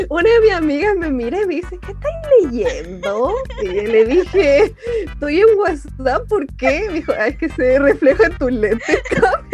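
A young Chilean woman co-hosting a podcast, her voice pitched high and swooping through a very wide range. She tells stories animatedly, laughing often and acting out what people said. Faint music sits under her. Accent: Chilean Spanish. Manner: animated storyteller, laughs often, acts out quotes. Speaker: podcast co-host. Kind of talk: casual chat.

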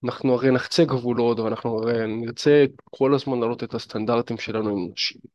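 A man's voice: medium pitch, steady tone, darkish tone, dry recording, highs cut off. A man giving casual dating and fitness advice straight to the listener, chatty and full of fillers. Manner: chatty, addresses listener directly, many fillers. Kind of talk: casual advice monologue to camera.

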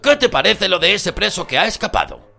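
A man's voice: high voice, huge pitch swings, creaky, pushed and bright, faint music behind, pitched above the performer's own voice, full character voice. A male narrator voicing a fussy middle-aged uncle who speaks jovially and in a hurry, eager to please, in an audiobook. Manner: jovial, hurried, ingratiating. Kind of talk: audiobook character voice.

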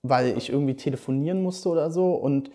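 Young male podcast host, mellow tone, slangy and animated storyteller. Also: medium pitch, fast talker. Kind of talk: casual storytelling chat.

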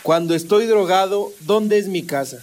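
An actor playing an earnest, hurt young adult son in a radio drama. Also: male voice, high-pitched, moderate pace, darkish tone, natural voice. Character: young adult son, recovering addict, wounded.

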